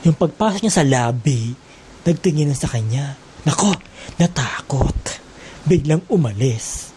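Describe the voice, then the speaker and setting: A man's voice: a little high, animated, unhurried, noisy background. A man telling a teasing, exaggerated gossip story in a casual, mocking way.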